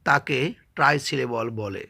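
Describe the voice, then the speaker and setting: A man with a Bangladeshi accent teaching an English grammar lesson and sounding out words slowly, syllable by syllable. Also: mid-range voice, vocal fry, sharp tone. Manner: slow, spells words out syllable by syllable.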